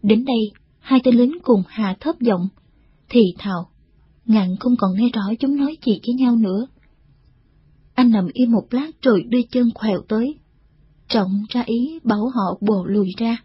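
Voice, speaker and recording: Brief: female narrator for a novel, very husky and breathy, slightly high, dull lo-fi sound. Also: moderate pace, no echo. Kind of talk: scripted audiobook narration. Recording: dull, dry lo-fi recording.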